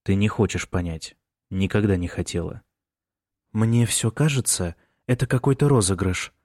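A man voicing an anxious middle-aged mother who speaks quietly and with strain. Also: fairly low pitch, expressive, moderate pace, dry recording, studio quality. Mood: worried, reproachful.

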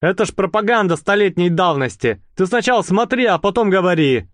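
A man's voice: high voice, expressive, a little fast, fairly bright tone, dry recording, clean studio sound, pitched above the performer's own voice. A man voicing a pompous, hot-tempered male gang leader who lectures and snaps at his followers. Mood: irritated. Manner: speechifying then snapping. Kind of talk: audiobook character voice.

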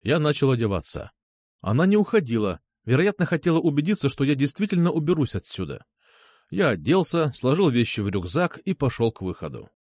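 A man's voice: medium pitch, very animated, brisk, a little mellow, dry recording, studio quality. A man narrating first-person fiction in a wry, ironic storytelling manner. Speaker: audiobook narrator.

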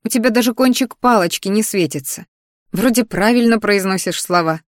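This fantasy audiobook clip has a woman playing a cheerful, bossy young student roommate who speaks eagerly and emphatically in a lively way. The mid-range, near-everyday voice moves at a moderate pace and is pushed up, with clean studio sound and no room tone.

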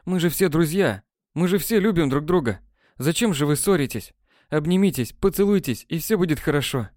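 A man reading an audiobook, voicing a dazed, soft-hearted teenage schoolboy who pleads earnestly. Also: a little high, expressive, moderate pace, no echo, studio quality, voice pushed up, close to an everyday voice. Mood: pleading.

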